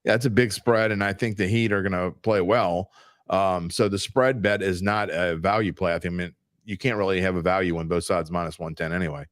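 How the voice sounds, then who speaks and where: A man's voice: low-pitched, steady tone, fairly quick, dry recording, studio quality. A man co-hosting a sports betting talk show, arguing his points bluntly and with emphasis. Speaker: sports betting podcast co-host. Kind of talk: casual sports betting debate.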